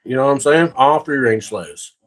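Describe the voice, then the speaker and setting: A man's voice: mid-range voice, lively intonation, normal speed. Profane ranting male livestreamer. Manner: profane, ranting, talks to chat viewers. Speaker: livestream host. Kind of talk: casual livestream chat.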